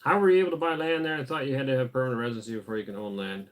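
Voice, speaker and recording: This man sounds tired as he hosts a casual homestead stream, reading comments aloud and replying easily with fillers, yet his mid-range voice races along.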